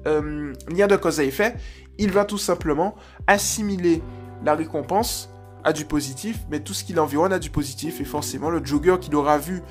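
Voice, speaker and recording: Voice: medium pitch, moderate pace, faint music behind. A dog trainer giving a client casual, chatty advice, with many fillers and restarts. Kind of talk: casual spoken coaching advice.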